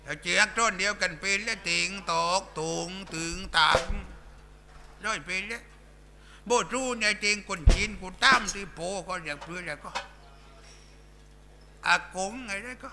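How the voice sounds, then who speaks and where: Amid a very noisy setting, a man with a high voice speaks at a moderate pace, pausing often. He's playing a bawdy village clown in a Southern Thai accent at a live shadow puppet show, full of coarse jokes and rowdy banter.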